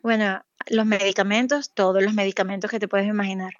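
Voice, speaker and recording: A woman's voice: mid-range voice, flat delivery, dry recording, muffled recording. A woman, a doctor being interviewed, talking thoughtfully with frequent fillers and restarts. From Venezuela. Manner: thoughtful, many fillers and restarts, slows to stress points. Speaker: pediatric cardiologist guest. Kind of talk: interview, recounting experiences.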